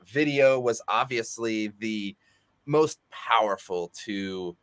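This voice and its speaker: Bright, dry-voiced man chatting casually. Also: on the low side, slow, dry recording. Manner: relaxed, rambling with fillers and restarts. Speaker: guest. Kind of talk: casual conversational interview. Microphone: remote video call.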